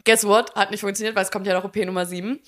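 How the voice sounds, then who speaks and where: A young woman tells a personal story on her podcast. She speaks at a middle pitch and acts out the voices of the people in the story. The delivery is casual and chatty throughout. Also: fairly even intonation, rapid-fire. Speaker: podcast co-host. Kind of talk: casual chat.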